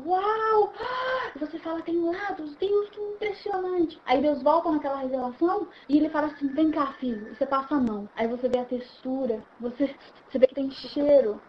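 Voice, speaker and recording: A woman leading an informal Bible study, animated and acting out scenes as she explains. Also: sits high, muffled recording, a little hiss or hum. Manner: animated, acts out scenes, repeats words while restarting.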